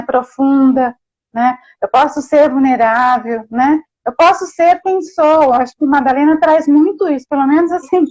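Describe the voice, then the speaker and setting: A woman's voice: sits high, a little mellow, muffled recording. A woman host in a casual spiritual conversation, reflecting in long meandering sentences full of questioning tags. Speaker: host therapist.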